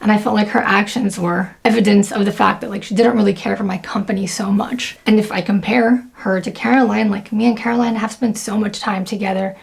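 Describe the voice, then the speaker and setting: A woman's voice: mid-range voice, steady tone, fairly quick, creaky, hardly any pauses. A young woman talking casually to camera, chatty and full of fillers. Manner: chatty, lots of fillers and laughs. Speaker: video creator.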